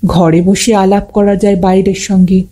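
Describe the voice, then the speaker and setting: A woman narrating a classic short story, giving the dialogue small shifts of pitch and pace. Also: flat delivery, normal speed, warm tone.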